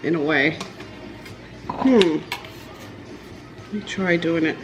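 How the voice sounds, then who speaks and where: A woman's voice: low-pitched, takes it slowly, muffled recording, background noise. A woman chatting casually in her home kitchen as she bakes cookies for her vlog, rambling with many fillers and restarts. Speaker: vlogger. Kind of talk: casual baking vlog chat.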